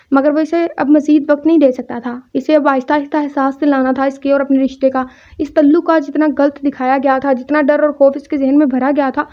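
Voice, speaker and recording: A woman reading a romance novel aloud, narrating and speaking every character's lines in her own voice. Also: high voice. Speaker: audiobook narrator. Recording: dull lo-fi recording.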